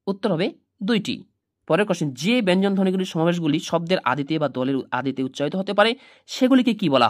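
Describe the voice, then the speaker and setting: A woman's voice: fairly low pitch, no room sound, clean studio sound. A woman teacher going through exam multiple-choice questions, stressing each new question with a rising lift and then stating the answer.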